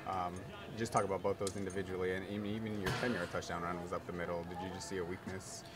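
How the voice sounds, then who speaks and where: A man's voice: sits low, little pitch movement, fast, very noisy. A man working as a sports reporter, casually putting questions in a postgame interview.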